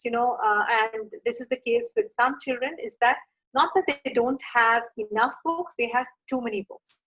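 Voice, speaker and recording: A middle-aged woman from India giving earnest advice to parents in a workshop talk, with frequent fillers. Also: fairly high pitch. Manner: earnest and advising, with frequent uh and you know. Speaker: founder of a children's reading program, workshop speaker. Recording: dull lo-fi sound.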